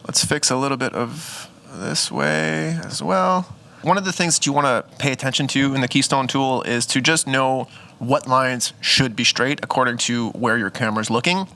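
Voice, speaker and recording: A man talks through his photo edits in a relaxed, chatty tutorial. He thinks aloud and corrects himself along the way. His voice is bright and forward, and his pitch sits in the middle. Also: normal speed. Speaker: photographer teaching photo editing. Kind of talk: casual screen-recorded editing tutorial.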